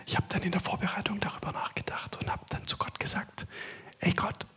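Male preacher, sermon, hushed whispering passages, very breathy husky tone, slightly raised pitch. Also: little pitch movement. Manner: long stretches in a hushed whisper, loud measured declamation in between. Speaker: guest preacher.

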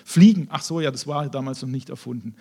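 A man preaching a sermon, telling a Bible story in an animated way and acting out the characters. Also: mid-range voice, a little fast, creaky, husky.

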